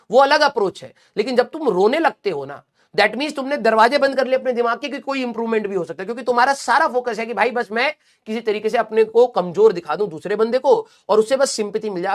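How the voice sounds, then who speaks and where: A man teaching exam students, giving a motivational talk in a blunt, scolding yet affectionate way, often checking in with "clear?" and "theek hai", mixing in English. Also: extremely high pitch, a bit bright.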